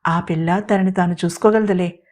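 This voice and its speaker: A woman voicing a stern, gruff older man in an audio story. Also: on the low side, steady tone, moderate pace, darkish tone, lightly acted.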